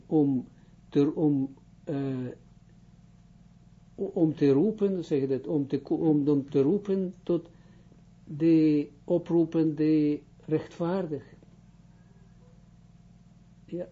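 Man, middle-aged, religious teacher, very slow pace, halting restarts, dull lo-fi recording. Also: on the high side, slightly rough. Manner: slow, halting, many restarts while translating and explaining. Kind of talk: religious study lesson.

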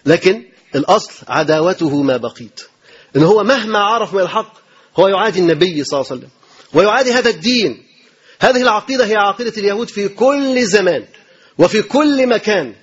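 An Egyptian man delivers a sermon at a quick clip, his voice high and husky. He drives his points home with rhetorical questions and repetition. The recording is dull and lo-fi. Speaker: sheikh giving a religious lecture. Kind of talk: colloquial sermon.

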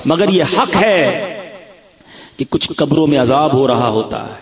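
A man from Pakistan delivering a fervent sermon with a high, carrying voice. He tells stories and acts out their dialogues for a large gathering. The recording is roomy and a little dull, like a broadcast. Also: lively intonation. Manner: fervent, addresses listeners as brothers, acts out dialogues. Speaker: preacher at a religious gathering. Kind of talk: emotional sermon with storytelling. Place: large gathering near a graveyard.

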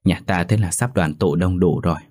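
A man's voice: low-pitched, a little fast, a little mellow. A man voicing an elderly village mother who talks on and on, fussing over her family. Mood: overjoyed.

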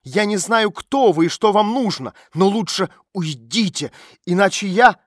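A man voicing an angry, defiant teenage runaway girl who shouts back sharply in an audiobook. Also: sits high, expressive, normal speed, dry recording, studio quality, pitched above the performer's own voice. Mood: angry shouting. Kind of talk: audiobook character voice.

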